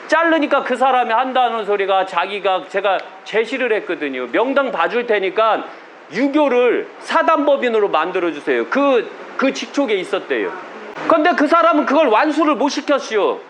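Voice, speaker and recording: A man's voice: very high-pitched, fairly bright tone, slight background noise. A man with a Chungcheong Korean accent, a religious leader giving a blunt sermon to his followers, often asking rhetorical questions.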